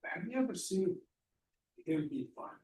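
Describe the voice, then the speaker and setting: A man's voice: sits high, very animated, measured pace, dark tone, a little hiss or hum. A man questions a witness as defense attorney, hesitant and repeating words, in a courtroom recording. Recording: echoey courtroom from far off.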